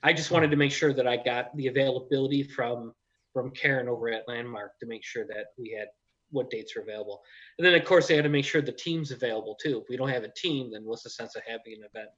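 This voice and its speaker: A man's voice: mid-range voice, fast, fairly bright tone. A man hosting a casual live chat, explaining things in a plain-spoken way. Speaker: event organizer and show host. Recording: dull lo-fi audio.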